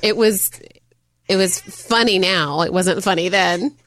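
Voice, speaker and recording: A woman's voice: on the low side, unhurried, a bit bright, no room sound. A woman guest chatting casually in a podcast studio. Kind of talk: casual chat.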